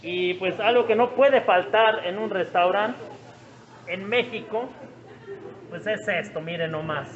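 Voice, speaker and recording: A man's voice: sits high, a little slow, muffled recording, a crowd in the background. A man with a Mexican accent narrating casually as he films around an open-air roadside restaurant, greeting people by name and repeating himself. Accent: Mexican Spanish. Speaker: vlogger showing a restaurant.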